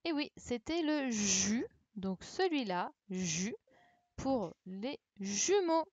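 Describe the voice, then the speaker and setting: This woman runs an online primary lesson from home, going slowly for the children and kindly echoing back each of their answers. Her slightly high voice has a sing-song lilt, captured dry on a computer mic with the highs cut off.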